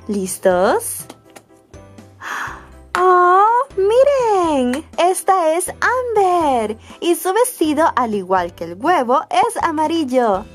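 A woman with a high, bouncy voice that swoops up and down as she teaches colors to small children. She talks slowly and sing-song, with exaggerated gasps of wonder. Faint music plays behind her. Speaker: children's toy channel host.

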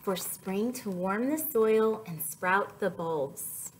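On a low-quality recording with a bit of hiss or hum, a young adult woman takes her time reading a story to children in a mid-range voice. She chats with them in a bouncy, sing-song manner, prompting them with questions.

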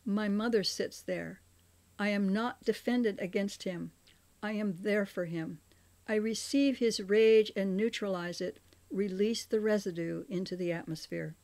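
Older female author-narrator, memoir audiobook, measured and expressive, middle pitch. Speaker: author reading her memoir.

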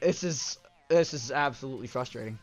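A man's voice: mid-range voice, a little fast, faint music behind. A man giving live gameplay commentary, frustrated and exasperated, with sudden outbursts.

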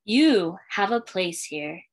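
A school librarian in her thirties reads a picture book aloud to young kids, her medium-pitched voice animated and sing-song as she takes it slowly. A small indoor room with bookshelves and a curtain is the setting.

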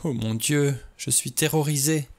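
A man voicing a frightened, desperate young woman in an audiobook reading, speaking in a high, trembling way. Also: unhurried, a little mellow. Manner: pleading, high-pitched, trembling.

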